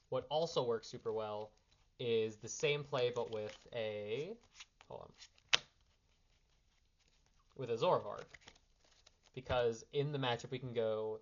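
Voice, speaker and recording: The highs are cut off in this clip of a medium-pitched young man who is slightly sick. Handling cards, he offers an impromptu, casual strategy primer, explaining card game lines off the cuff while rambling and correcting himself.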